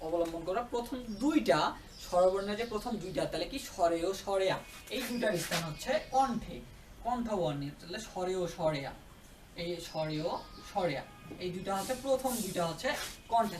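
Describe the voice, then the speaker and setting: An animated, fairly quick male tutor with a high-sitting voice teaches a grammar lesson, often pausing to ask if everyone follows. He's recorded from a distance away from the mic, with roomy echo and background noise.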